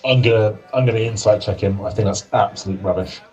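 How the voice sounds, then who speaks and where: A man's voice: lowish voice, fast, darkish tone, faint music behind, low-quality recording. A man chatting casually as a player in a tabletop game.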